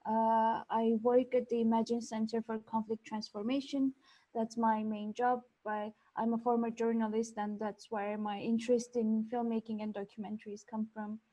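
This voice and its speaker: A woman's voice: a little high, little pitch movement, normal speed, mellow, rough recording. A woman from Armenia speaking as a panelist, explaining things carefully and searching for words. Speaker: panelist, conflict-transformation worker. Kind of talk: panel discussion.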